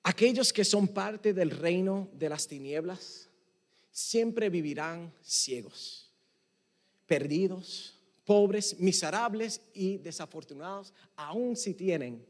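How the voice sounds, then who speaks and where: A pastor from Puerto Rico delivers a sermon in a high voice, switching between Spanish and English. He hammers certain phrases with emphasis and lets others fall almost to a whisper, and a long echo from the hall hangs on his words.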